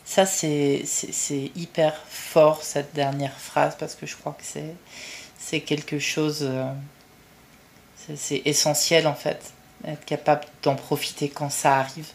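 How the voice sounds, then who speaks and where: A woman co-hosting a podcast, speaking earnestly and in a measured way, with halting restarts. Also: deep voice, level tone. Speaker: podcast co-host. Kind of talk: casual podcast chat.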